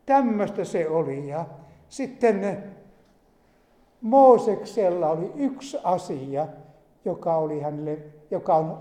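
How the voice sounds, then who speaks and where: A man's voice: high voice, mellow. A man preaching a sermon, retelling a Bible story with emphatic rises and asides. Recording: echoey hall reverb.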